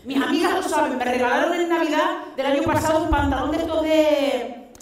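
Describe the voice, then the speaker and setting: In a very echoey hall, heard at some distance, a woman delivers a stand-up monologue in a Canarian Spanish accent. Her voice is high-pitched. She tells it in colloquial, blunt language, acting out the people in her stories. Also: brisk. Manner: animated storytelling, acting out quoted exchanges. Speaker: stand-up comedian. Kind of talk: stand-up comedy monologue to a live audience. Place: theatre stage, indoors. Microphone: headset microphone.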